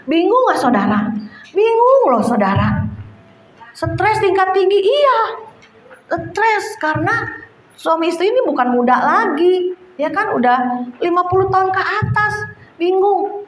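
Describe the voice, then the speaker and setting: High-voiced woman preaching, echoey room. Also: measured pace, pauses often. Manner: animated, exhorting, addresses listeners as "saudara". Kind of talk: sermon.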